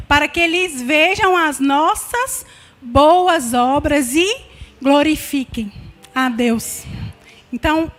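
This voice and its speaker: A woman with a Brazilian Portuguese accent preaching a sermon in an earnest, conversational way, often repeating herself. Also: high-pitched.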